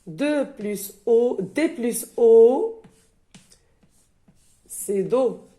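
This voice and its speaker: Very slow, deliberate woman teacher. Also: fairly high pitch, lively intonation, warm tone. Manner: spells letters one by one and repeats each sound. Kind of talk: slow syllable-by-syllable reading lesson.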